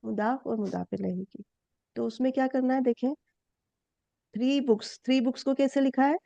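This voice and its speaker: Woman teacher with a dark, dull sound. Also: steady tone, moderate pace, creaky, dry recording. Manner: explains step by step, asks students questions. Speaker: Arabic grammar teacher. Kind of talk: online class explanation. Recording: dull low-fi dry sound.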